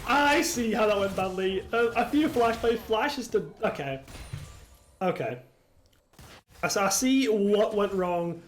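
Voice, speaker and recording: British streamer-caster, young man, high pitched, chatty with chat, erupts on big plays. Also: a little hiss or hum. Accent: British English. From Britain. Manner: chatty, reads chat aloud, bursts into excited shouting at plays. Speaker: esports caster. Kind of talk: solo game commentary on a stream.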